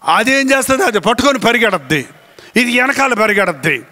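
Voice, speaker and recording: Casting note: male pastor, bright and high, animated storyteller who stretches words for emphasis. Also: fairly quick. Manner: animated storytelling, acting out voices and animal sounds. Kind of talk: sermon.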